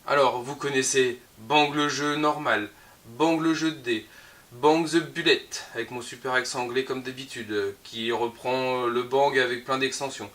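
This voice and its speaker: Upbeat bright-voiced French man. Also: medium pitch, steady tone, moderate pace. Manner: chatty, upbeat, with hesitant fillers. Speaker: game shop presenter. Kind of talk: casual weekly product roundup.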